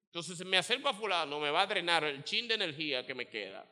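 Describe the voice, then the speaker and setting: A man delivers a sermon. His voice sits high and rings very bright. The sound carries a long hall reverb. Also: fast talker. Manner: animated, acts out quoted voices. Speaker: pastor.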